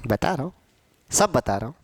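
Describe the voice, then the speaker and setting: A man teaching a Hindi class, slowly stretching and repeating syllables to drill pronunciation, and emphatically scolding students about common mistakes. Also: medium pitch, sing-song. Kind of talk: classroom lecture for exam students.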